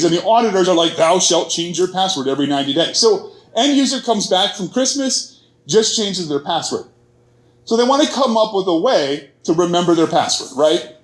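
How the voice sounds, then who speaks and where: High-voiced man speaking in an echoey hall. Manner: storytelling with quoted voices and jokes, many fillers. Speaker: conference speaker. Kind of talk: conference talk. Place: conference hall.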